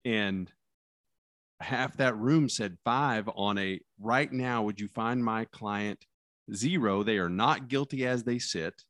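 Speaking slowly, a criminal defense lawyer chats informally about his work in court. His lowish voice is loud and carries well, captured in a close, dry recording without room sound. He animates his anecdotes, performing lines and sinking his voice deep for effect.

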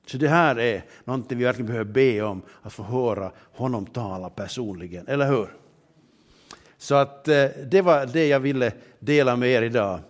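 With a medium-pitched voice, a man preaches in an earnest manner, reading Bible passages aloud emphatically and often turning to rhetorical questions.

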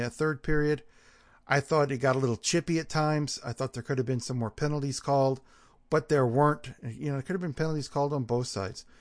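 A man with a mid-pitched voice recaps sports as a podcast host. He talks in a halting, conversational way, recorded dry and close. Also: dry recording.

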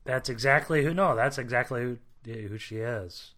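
A man's voice: mid-range voice, moderate pace, a bit bright. A man co-hosting a podcast, talking casually with a wry, curmudgeonly edge. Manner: wry, self-described curmudgeon. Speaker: podcast co-host. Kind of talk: casual chat.

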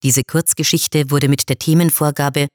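A woman reading a short story in first person with expressive, wry delivery, then announcing credits. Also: sits low, moderate pace, dry recording, studio quality. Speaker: story reader.

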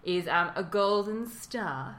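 A woman co-hosting a casual history chat, animated and laughing, who slips into character voices when telling the story. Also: medium pitch, takes it slowly, very noisy. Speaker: podcast co-host.

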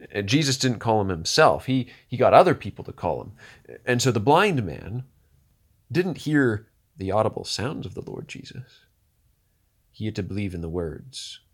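A male preacher with a husky, lowish voice and big swings in pitch moves from hushed, unhurried lines to loud, fiery ones during his sermon, posing rhetorical questions to the listeners.

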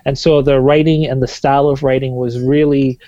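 Dark-voiced man from Tanzania. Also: mid-range voice, flat delivery, moderate pace, dry recording, muffled recording. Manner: fluent, businesslike, many fillers. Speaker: guest. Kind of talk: podcast interview.

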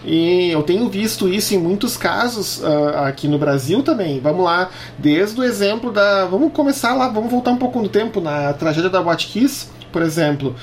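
A man co-hosting a casual talk show, telling examples in an animated, indignant way. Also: sits high, normal speed, few pauses, a little hiss or hum. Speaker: podcast co-host. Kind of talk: casual conversation.

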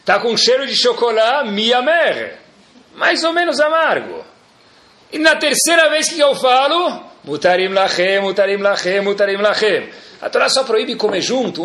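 A Brazilian man gives a religious lecture in a bright, lively voice. His pitch sits a little high and roams widely as he questions his listeners and teases them with humor. He sounds like an engaged teacher working a room. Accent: Brazilian Portuguese. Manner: animated, asks rhetorical questions, jokes with the audience. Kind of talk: Torah class lecture.

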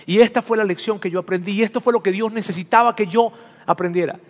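A man with a high, light voice preaches a sermon woven from his own life story. He speaks to each listener directly and intimately, as though in conversation. His words ring out with a long echo in a large church hall. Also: fast talker. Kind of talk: sermon with personal testimony.

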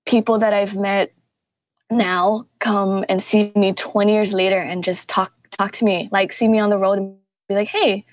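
A young woman teacher, a podcast guest, telling stories in a casual interview and acting out quotes with sudden jumps in pitch. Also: normal speed, dry recording. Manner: animated storytelling, acts out quotes with pitch jumps.

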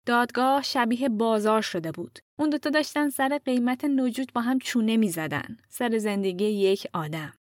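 Lady storyteller, calm and measured, kinda high voice, dry close mic. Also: dry recording. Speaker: podcast narrator. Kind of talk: storytelling narration.

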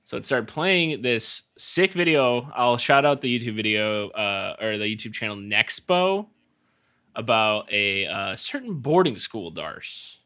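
A man's voice: medium pitch, expressive, measured pace, bright, forceful tone. A man with an Irish accent co-hosting a casual podcast, joking and swearing as he reads from an article. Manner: joking, swears casually, says "dude" a lot. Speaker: podcast co-host. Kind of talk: casual chat, reading an article aloud.

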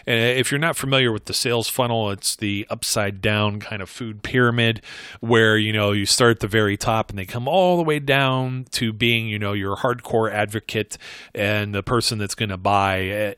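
Guy with a lowish voice rambling through some business tips, lots of restarts, dry sound. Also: fairly bright tone, no echo. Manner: rambling, conversational, frequent self-corrections. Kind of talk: casual advice monologue.

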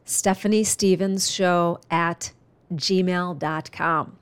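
Here a stuffed-up woman runs her own podcast, speaking slowly to her listeners in a low, clear, resonant voice with fairly even intonation. Her monologue is earnest and chatty, full of warm encouragement, and there's no room sound.

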